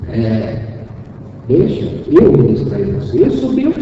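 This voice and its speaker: A mocking, taunting spirit that insists it is God, put on by a man telling the story. Its voice is low and scornful. The sound comes from far off in an echoey hall and is a bit muffled. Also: wildly swooping pitch, unhurried, slight background noise, full character voice. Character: possessed woman's spirit, claims to be God, mocking.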